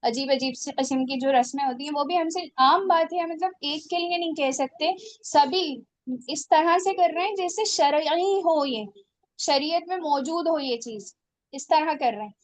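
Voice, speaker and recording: A woman's voice: high voice, moderate pace. A woman teaching a religious class on Quran recitation, earnest and exhorting her students.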